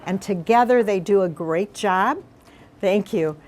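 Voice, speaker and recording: During a picture-book read-aloud, a mayor explains the story informally to schoolchildren, stopping now and then to quiz them. Her voice is medium-pitched and a little mellow, with slight hiss or hum on the recording.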